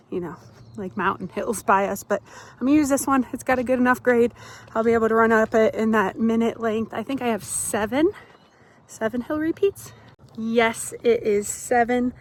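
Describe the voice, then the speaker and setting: A woman's voice: on the high side, slight background noise. A woman chatting casually in a vlog, upbeat and full of fillers, a bit congested from allergies. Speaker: vlogger, triathlete. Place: outdoors on a run, then a kitchen.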